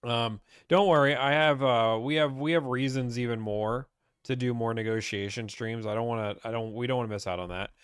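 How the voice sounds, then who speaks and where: A man's voice: medium pitch, fairly even intonation, brisk, clear, resonant tone, dry recording, studio quality. A young man from Pittsburgh, chatting casually as he reads and answers viewer questions about car buying on a live stream.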